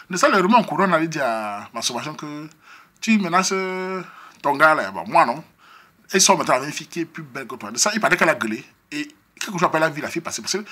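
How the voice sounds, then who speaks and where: A Cameroonian comedian with a Cameroonian French accent telling a comic story from his neighborhood, animated and acting out the scenes. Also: fairly high pitch, husky.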